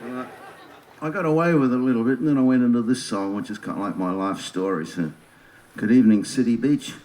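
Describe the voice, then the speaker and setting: A man's voice: medium pitch, fast talker, a little mellow, a faint crowd, a little hiss or hum. A man in his seventies from New Zealand, a singer-songwriter chatting casually and telling easygoing, self-deprecating stories about his music. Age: 70s. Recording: echoey, with music behind.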